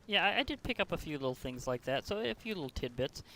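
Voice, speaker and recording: A man hosting a game video, chatty and excitable as he plays and comments. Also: fairly high pitch, fast, slight background noise. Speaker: host. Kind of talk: gameplay commentary.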